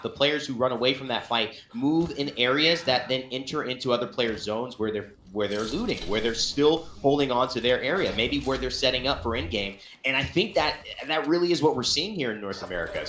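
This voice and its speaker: A man's voice: mid-range voice, sharp tone, echoey room, a little hiss or hum. A man working as an esports caster, giving analytical live commentary on a match.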